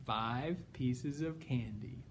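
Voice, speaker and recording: A man's voice: sits high, wildly swooping pitch, unhurried, a little hiss or hum, voice pushed up, exaggerated voice. Man playing a firm, emphatic storybook mother pea.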